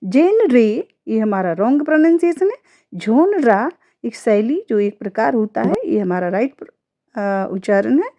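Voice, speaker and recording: A woman teaching English pronunciation in Hindi, drilling word pairs slowly, wrong version first, then the right one. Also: on the high side, expressive, dark tone. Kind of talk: explaining pronunciation to a class. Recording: dull, dry lo-fi sound.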